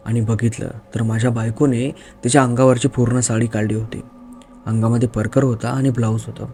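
Rich: A male storyteller narrating a horror tale with dramatic flair. His voice sits in a plain, mid-range pitch, building tension through vivid telling. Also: darkish tone.

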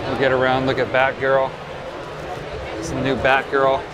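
A man's voice: mid-range voice, completely flat delivery, normal speed, heavy background noise. A man giving an informal, off-the-cuff booth tour commentary from a convention hall, casually offering mild opinions as he goes. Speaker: collectibles video host. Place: convention hall show floor, indoors. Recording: loud music behind, busy convention hall. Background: loud music in a convention hall.

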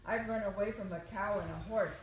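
A woman's voice: medium pitch, a little fast, close to an everyday voice. Storybook gingerbread boy, cheeky and boastful, chanting his taunts, read by an older woman; echoey room. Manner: taunting sing-song chant. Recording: echoey room, faint noise.

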